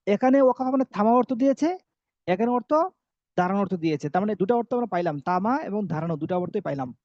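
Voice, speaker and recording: A teacher giving a recorded Arabic lesson explained in Bengali, who asks questions, answers them himself and repeats each phrase slowly. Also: mid-range voice, lively intonation, darkish tone, dry recording. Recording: dull, dry lo-fi recording.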